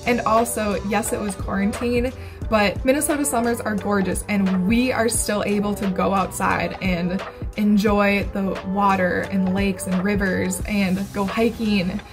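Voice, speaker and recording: A woman's voice: medium pitch, fairly even intonation, unhurried. A woman in her twenties talking to camera in a candid, chatty way, swearing casually now and then. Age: 20s. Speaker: vlogger. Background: background music.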